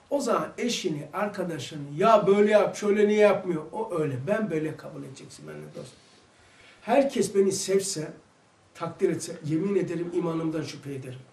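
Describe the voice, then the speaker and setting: A man with a Turkish accent giving an informal religious lesson, animated and full of rhetorical questions. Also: high voice. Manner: animated, acts out quoted voices, rhetorical questions. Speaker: religious teacher. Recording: echoey room, mic some distance away.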